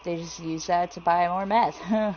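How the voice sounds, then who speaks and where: A woman giving casual, jittery commentary while playing a horror game, swearing freely and reading things out loud. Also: fairly low pitch, fairly even intonation, moderate pace, dull audio, a little hiss or hum. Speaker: let's play gamer.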